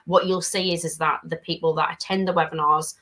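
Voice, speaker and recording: A woman's voice: low voice, flat delivery, a little fast, a bit bright, rough recording. A woman on a panel discussion, giving practical advice in an emphatic, advisory way.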